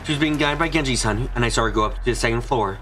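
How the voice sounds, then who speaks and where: A man's voice: mid-range voice, very fast, a bit bright, slight background noise. A man giving an amateur fan dub reading of translated lines, stumbling and repeating words at times. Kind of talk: fan dub line reading over original game audio. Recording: music bed under the voice.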